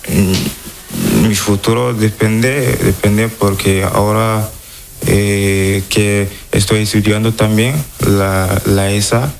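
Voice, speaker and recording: Hesitant man from Senegal, slow. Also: on the low side, fairly even intonation, vocal fry. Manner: hesitant, halting non-native Spanish. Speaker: interviewee. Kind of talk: street interview.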